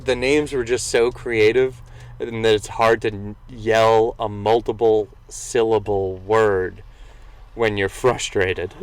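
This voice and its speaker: A man's voice: on the low side, level tone, slow. A young man co-hosting a podcast in casual, joking chat, swearing freely. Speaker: podcast co-host.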